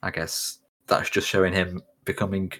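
A man's voice: low-pitched, flat delivery, normal speed, sharp tone, slightly rough. A man co-hosting a podcast in casual chat, rambling with lots of fillers. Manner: rambling, lots of likes and ums. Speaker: podcast co-host.

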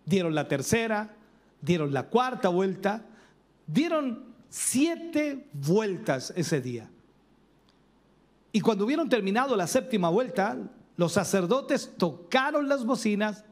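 A man's voice: high voice, slow. A male preacher telling a story in a sermon and speaking directly to his congregation. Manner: animated storytelling addressing the congregation.

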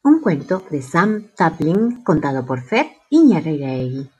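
A woman announcing the titles of children's stories in a slow, measured way. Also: low-pitched, big pitch swings, a little mellow, husky.

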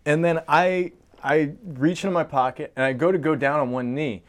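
A man's voice: a little high, normal speed. Guy in his 30s telling a story, lots of laughs, does little voices for people. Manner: animated, acts out quoted voices, laughs often. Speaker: guest. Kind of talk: casual storytelling.

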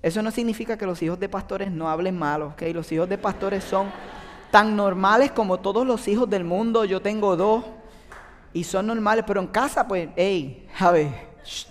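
Recorded with long reverb in a large hall, a high-pitched man speaks at normal speed as a youth pastor giving a sermon testimony. His storytelling is earnest and confessional, marked by animated rises.

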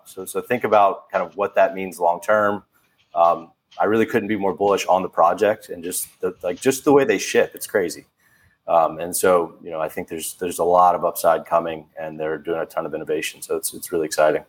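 A man on a casual podcast speaking enthusiastically, with many "you know" fillers. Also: low voice. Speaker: crypto podcast co-host. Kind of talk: casual chat.

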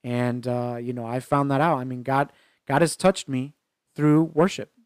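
A man co-hosting a casual faith podcast, talking earnestly in halting phrases with frequent restarts. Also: medium pitch, steady tone, a little mellow, clear, resonant tone, dry recording, studio quality. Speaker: podcast co-host.

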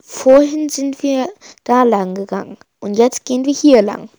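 A woman voicing a brave boy adventurer who shouts urgent commands while trying to sound confident. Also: high-pitched, a little slow, dry recording.

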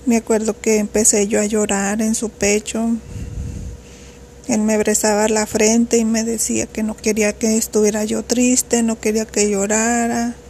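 A woman's voice: fairly high pitch, completely flat delivery, normal speed, mellow, slight background noise. A woman, telling a personal story in an earnest, reflective way. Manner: earnest, reflective, recounting at length.

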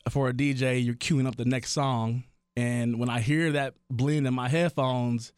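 A man's voice: mid-range voice, steady tone, unhurried, clear, resonant tone, no room sound, clean studio sound. A man in his thirties, a working DJ, chatting casually with friends and laughing often. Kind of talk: casual chat.

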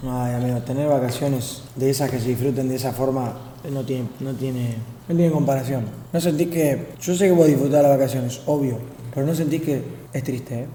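A man's voice: medium pitch, fairly even intonation, fairly quick, hardly any pauses, mellow. A man in his thirties with an Argentine accent, chatting casually as host, rambling and teasing. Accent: Argentine Spanish. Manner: rambling, teasing, turns emphatic when lecturing. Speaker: streamer host. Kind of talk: casual chat. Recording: echoey roomy space with faint noise.

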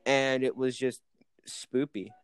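A man's voice: mid-range voice, fairly even intonation, slow, clear, resonant tone, dry recording. A man co-hosting a casual podcast, telling spooky stories in a playful, rambling way.

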